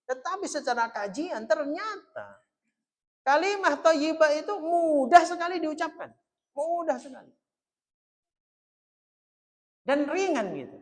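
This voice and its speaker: A male mosque teacher talks in a loose, chatty way, dropping words into his lesson. His pitch swings widely. The sound carries a long reverb from the mosque hall. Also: measured pace, long pauses. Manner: chatty, mixing in Javanese, lively swings in pitch. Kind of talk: religious study talk.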